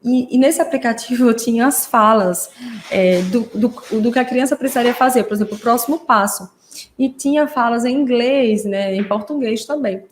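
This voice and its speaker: Speaking at a moderate pace in a higher register, a woman speech therapist warmly walks parents through a live online lesson, frequently tagging her explanations with "né?". There's a slight hiss or hum and an echoey room sound.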